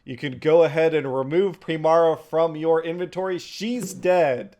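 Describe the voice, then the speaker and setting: A man's voice: a little high, steady tone, moderate pace, a little mellow. A man narrating a tabletop role-playing game as game master, improvising and chatting casually.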